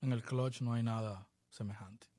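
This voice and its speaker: A man from the Dominican Republic, a baseball coach being interviewed, talking in a measured, reflective way. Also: medium pitch, fairly even intonation, dark tone, no echo. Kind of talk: podcast interview.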